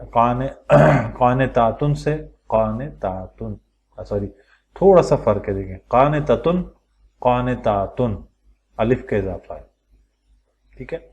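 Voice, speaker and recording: A man teaching a Quran lesson, explaining step by step and posing questions to his students before answering them. He slows down and stretches out the words when he lists examples. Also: medium pitch, darkish tone, highs cut off. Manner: patient, explains step by step and asks questions aloud to the class; draws out word forms slowly when listing examples. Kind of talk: recorded teaching lecture.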